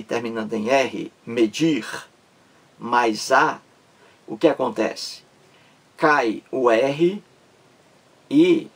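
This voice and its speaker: A man teaching a grammar lesson, talking slowly and repetitively, stressing syllables emphatically as he explains. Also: medium pitch, husky. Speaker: Portuguese language teacher.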